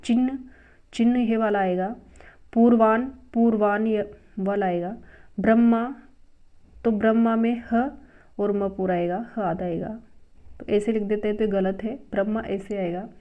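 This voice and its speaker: A woman teaching a spelling and grammar lesson at a brisk pace, drilling word after word and naming each new word louder and higher. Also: fairly even intonation. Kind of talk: exam-prep grammar lesson. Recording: dull lo-fi sound.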